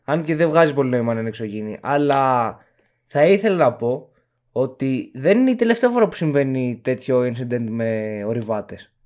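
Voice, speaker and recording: A young man with a mid-pitched voice, co-hosting a laid-back podcast chat. He speaks easily, jokes around and floats speculative ideas. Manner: relaxed, joking, speculative. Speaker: podcast co-host. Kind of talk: casual podcast discussion.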